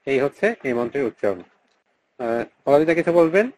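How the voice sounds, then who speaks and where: A man teaching mantra recitation in an online class, repeating syllables slowly and chanting lines in a drawn-out tone over a video call mic. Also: mid-range voice, expressive, darkish tone, low-quality recording. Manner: slow, repeats syllables to model pronunciation.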